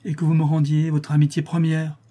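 A man's voice: on the high side, completely flat delivery, warm tone, pitched above the performer's own voice, natural voice. A man voicing a dying young nobleman who speaks faintly, then with sudden firmness, in a classic novel reading. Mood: pleading. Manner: faint, halting then firm. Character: dying young count, feverish and weak.

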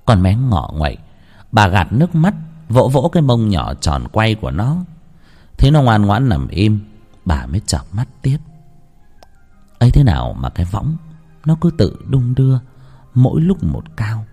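A man narrating a ghost story with an expressive, drawn-out storyteller delivery. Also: lowish voice, breathy edge, soft background music.

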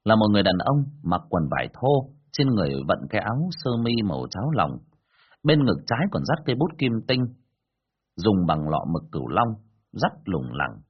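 Husky man telling a dramatic ghost story. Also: on the low side, big pitch swings, moderate pace, dull audio.

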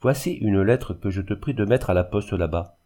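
Man reading young orphan girl, proud, earnest, pleading, mellow low voice, audiobook. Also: normal speed, lightly acted. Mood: resolute.

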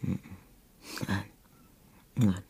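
An actress in a radio play voicing a weary older woman who is remorseful, speaking in a hushed, broken way and often whispering. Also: very slow. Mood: cold. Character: weary older woman, remorseful, letting her young lover go.

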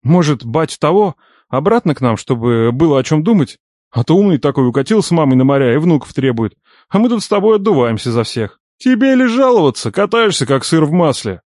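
A man voicing a shrewd, teasing older uncle who pries bluntly with nosy questions, in a raised, lively voice. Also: fairly high pitch, brisk, no echo, studio quality, pitched above the performer's own voice.

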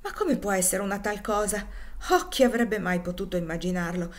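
A woman's voice: mid-range voice, brisk, close to an everyday voice. A woman voicing a sympathetic male blacksmith, earnest and questioning.

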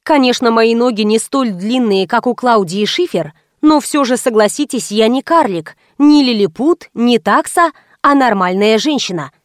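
A woman's voice: fairly high pitch, animated, moderate pace, few pauses, no room sound. Woman reading a wry story, dry and close. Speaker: audiobook reader. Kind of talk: first-person audiobook narration.

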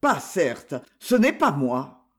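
A man's voice: on the high side, big pitch swings, slow pace, heavily acted. A man reading aloud and voicing a modest, cheerful young woman servant in a storybook. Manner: gentle, playful replies.

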